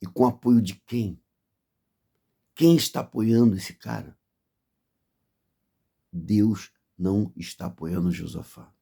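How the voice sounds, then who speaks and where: Low husky Brazilian preacher. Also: male voice, slow pace, pauses often, warm tone. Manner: fervent, warning, piles up repeated phrases. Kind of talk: sermon.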